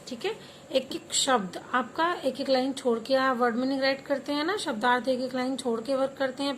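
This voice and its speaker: A woman's voice: high voice, a little hiss or hum, poor audio. Patient woman teaching a Hindi class. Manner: patient, repeats words for children to say along. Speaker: primary school teacher. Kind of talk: online Hindi class for children.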